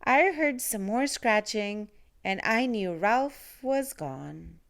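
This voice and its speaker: A woman reading a picture book aloud to children in an expressive style, with deliberate, dramatic phrasing. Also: medium pitch, vocal fry. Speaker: children's story reader.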